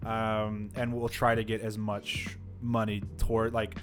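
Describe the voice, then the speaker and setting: A man's voice: on the low side, completely flat delivery, a little slow, soft background music. A man co-hosting a podcast, telling a work story in casual chat, full of "like" fillers and acted-out quotes. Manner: rambling, many "like" fillers, acts out quotes. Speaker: podcast co-host. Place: live-streamed podcast setup.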